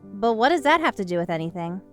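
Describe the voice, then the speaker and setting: A man voicing an excitable young woman adventurer in an audiobook, eager and full of chattering questions. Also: high-pitched, fast, faint music behind, pitched above the performer's own voice. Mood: curious. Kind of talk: audiobook character voice.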